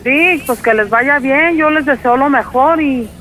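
A woman's voice: high voice, a little slow, a bit bright, low-quality recording. Tearful mother on the phone. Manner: worried, reproachful. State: crying. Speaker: prank call victim, mother. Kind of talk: phone call.

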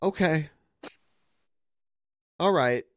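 A man debating casually in a mocking, skeptical way. His pitch moves around a lot, and the sound is dry and close. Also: animated, drawn-out words, no echo.

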